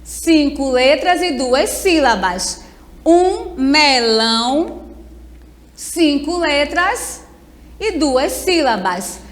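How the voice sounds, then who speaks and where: Brazilian woman teacher, high voice, unhurried and patient, reverberant room. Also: a bit bright. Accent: Brazilian Portuguese. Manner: slow, patient, syllable-by-syllable explaining. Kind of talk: remote class lesson.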